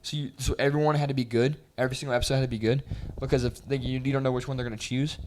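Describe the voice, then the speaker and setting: A young man on a casual podcast, telling a story in a lively way and acting out the voices of the people in it. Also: medium pitch, racing, a little hiss or hum. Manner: animated storyteller, acts out voices and hums loudly. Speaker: podcast co-host. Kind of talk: casual chat.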